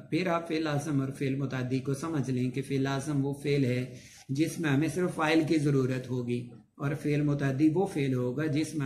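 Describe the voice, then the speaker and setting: A man's voice: medium pitch, darkish tone. A man with a Pakistani Urdu accent teaching a grammar lesson, explaining patiently and listing many repeated examples. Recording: echoey room with faint ambient noise.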